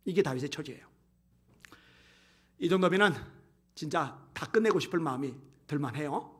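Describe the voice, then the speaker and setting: A man preaching a sermon, reading scripture and retelling it in lively, animated speech that swells and drops for emphasis. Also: on the high side, normal speed, slightly rough. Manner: animated preaching, voicing biblical complaints with rising intensity. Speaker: pastor.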